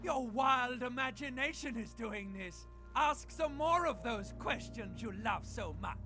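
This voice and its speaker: An actor playing a manic, excitable imagination in a video game, gleeful, shouty and rapid. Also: male voice, very high-pitched, soft background music, exaggerated voice.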